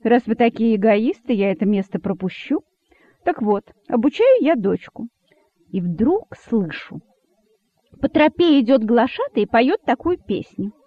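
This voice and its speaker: A woman reading aloud and voicing an excitable female monkey who shouts her story to a crowd. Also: a little high, measured pace, breathy edge, no room sound, exaggerated voice. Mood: excited. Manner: shouting, eager, indignant. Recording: dry tinny phone-like sound.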